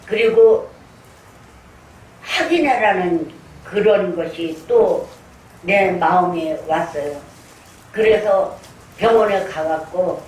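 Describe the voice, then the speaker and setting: A woman's voice: mid-range voice, darkish tone. An older woman pastor preaching a sermon, earnestly telling her own story and acting out her prayers. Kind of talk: sermon with personal testimony. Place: church sanctuary. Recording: echoey room, distant mic, faint noise.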